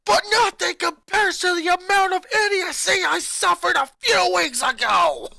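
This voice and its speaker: In a fanfic reading, a man with a very high voice and some vocal fry performs a furious eleven-year-old boy, heavily acted at normal speed with no echo. The boy rants and accuses his sisters, his voice rising to shouts.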